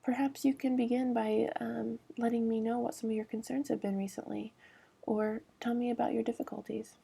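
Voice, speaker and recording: Husky, gravelly woman reading a nursing lecture. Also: a little high, a little fast. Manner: steady reading with fillers, often sinks to a near-whisper. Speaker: nursing instructor.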